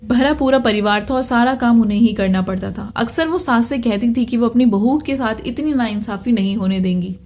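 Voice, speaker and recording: A woman's voice: fairly high pitch, fairly quick, hardly any pauses, a little mellow. A woman narrating a family story from a script, reading the characters' lines in her own voice.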